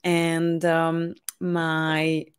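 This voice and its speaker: A woman's voice: deep voice, completely flat delivery, drawn-out words, smooth. A woman from Hungary hosting a casual chat, speaking hesitantly and searching for words. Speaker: host.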